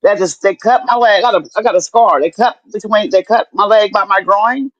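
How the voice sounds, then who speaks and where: A woman's voice: medium pitch, fairly quick, dry recording. Middle-aged woman, chatty guest, swears freely and acts out dialogue; dull, dry, lo-fi recording. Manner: animated storyteller, profane, acts out what people said. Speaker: guest telling her story. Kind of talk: casual chat.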